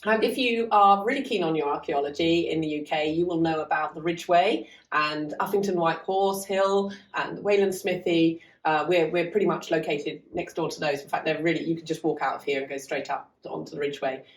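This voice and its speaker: A woman's voice: low-pitched, fairly quick, hardly any pauses. A woman guest on a casual podcast, chatty and rambling with self-deprecating asides, talking about her farm. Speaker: guest running a farm learning hub. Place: half-open converted cart lodge on a farm. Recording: echoey room, mic at a distance.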